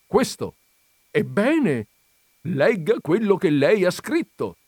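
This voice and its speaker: A stubborn, smug caller who keeps pressing the same question, slightly raised in pitch and full of emphasis, as a narrator puts him on. His lines come slow and deliberate in a dry, close recording of a comic audiobook. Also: very animated, darkish tone, husky, no room sound, exaggerated voice. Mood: triumphant. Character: calm, stubborn male visitor, insistent and smug. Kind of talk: audiobook reading of a comic story.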